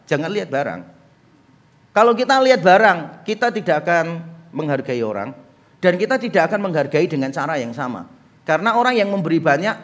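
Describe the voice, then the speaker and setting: A middle-aged man preaching a sermon as pastor, acting out little dialogues and joking with the congregation. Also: high voice. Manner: animated, acts out dialogue and jokes with congregation. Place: church hall.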